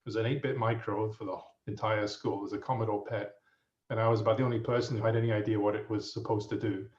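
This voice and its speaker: A man in his fifties with an English accent, a guest telling his story in a relaxed, rambling way with lots of fillers, heard over muffled remote audio. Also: on the low side, quick pace. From England. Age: 50s. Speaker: guest professor. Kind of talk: casual storytelling. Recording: muffled, roomy audio from a distance.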